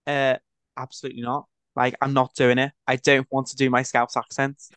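A man's voice: mid-range voice, completely flat delivery, a little fast, a bit bright, clear, resonant tone, no echo. A young man guesting on a podcast, bantering playfully and joking around. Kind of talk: casual chat.

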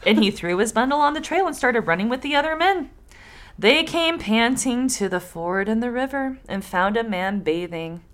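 A woman reads a folktale to her co-host and breaks into chat. Her voice sits fairly high and swings widely in pitch. Her loose, joking delivery is full of swearing and laughs. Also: expressive, moderate pace. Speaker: podcast co-host. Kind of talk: casual storytelling chat.

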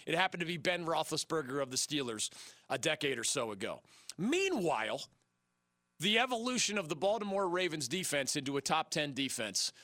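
Energetic man hosting sports talk radio. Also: high-pitched, no echo. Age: middle-aged. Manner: energetic, emphatic, quick asides. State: losing his voice.

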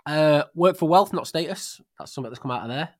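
Brisk man in his forties, a podcast host who tells rambling, sweary anecdotes into a dry close mic. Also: fairly high pitch, no room sound. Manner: animated, swearing storyteller with many restarts. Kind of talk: casual podcast chat.

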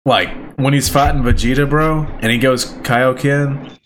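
A man's voice: mid-range voice, steady tone, measured pace, fairly bright tone, a little hiss or hum. Slangy young man on a podcast. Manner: rambling, slangy, says "bro" a lot. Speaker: podcast co-host. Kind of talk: casual chat.

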